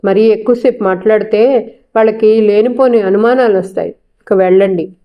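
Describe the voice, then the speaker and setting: Storybook figure: a woman reading a sharp-tongued young wife, cutting and proud, mid-pitched voice, dull lo-fi sound. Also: normal speed, close to an everyday voice. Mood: defiant.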